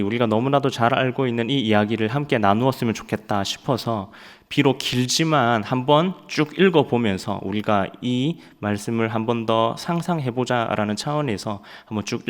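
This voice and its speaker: A young man preaching a sermon, telling stories in an animated way and acting out loud quotes. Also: mid-range voice, normal speed. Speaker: evangelist preaching at a Friday night prayer service.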